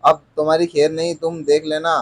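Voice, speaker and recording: A man retelling a soap plot, reading a vengeful young male villain's threats in a flat voice. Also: a little high, a little fast, lightly acted. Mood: threatening. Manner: threatening, flatly read.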